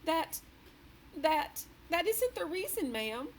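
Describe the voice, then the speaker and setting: A flustered middle-aged maid, put on by a woman reading aloud, high and anxious, every sentence ending in a nervous ma'am. Her voice bounces up and down. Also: big pitch swings, moderate pace, slight background noise. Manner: deferential, flustered, keeps saying ma'am.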